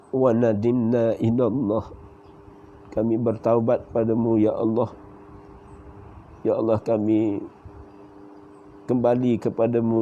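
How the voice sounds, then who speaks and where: A Malaysian man with a Malaysian Malay accent leading the closing supplication of a sermon, reciting prayers in a steady chanting flow. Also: fairly low pitch. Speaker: religious teacher leading prayer. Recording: muffled lo-fi audio with faint hiss.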